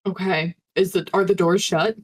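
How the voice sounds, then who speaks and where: A woman from New York, playing a survivor in a tabletop game podcast and chatting in a joking, animated way. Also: fairly low pitch, normal speed, husky. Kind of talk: casual role-play chat.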